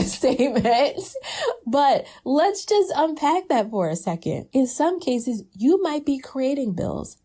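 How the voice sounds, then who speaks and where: A woman coach talks straight to aspiring entrepreneurs in a relaxed, conversational way, leaning hard on key points. Her voice is warm and mellow, at an ordinary pitch for a woman. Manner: conversational, emphatic, laughs lightly. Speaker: business coach. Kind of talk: casual advice talk.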